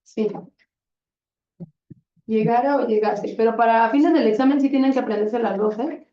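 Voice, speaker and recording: At a moderate pace and in a slightly high voice, a female teacher works her class through Spanish conjugations. She's encouraging and patient, frequently praising responses, while the recording has a distant, dull, roomy classroom quality.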